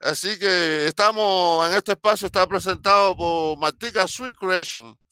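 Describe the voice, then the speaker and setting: Man, radio host telling a moral tale, bright tense tone, dry close sound. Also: high-pitched, a little slow, smooth, dry recording. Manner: animated, acts out the characters' voices. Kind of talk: folk tale storytelling with a moral.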